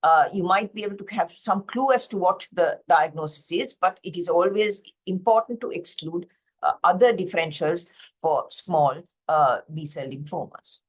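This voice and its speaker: A woman's voice: lowish voice, expressive, moderate pace. A woman from Sri Lanka giving a slide-based pathology lecture, explaining steadily with frequent fillers and self-corrections over a video call.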